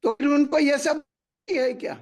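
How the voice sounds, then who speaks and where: An older man asking halting questions in an online class, his voice cutting out on a bad call line. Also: very high voice, flat delivery, a little mellow. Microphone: video call.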